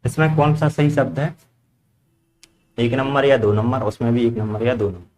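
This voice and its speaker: A man's voice: medium pitch, normal speed, darkish tone. A man teaching a grammar lesson to a class, asking the students questions and repeating their answers back. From India.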